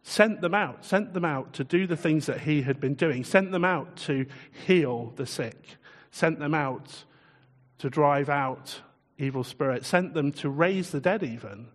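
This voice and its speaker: A man preaching a sermon in a relaxed, conversational way, chuckling often and putting questions to his listeners. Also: fairly high pitch, big-room sound.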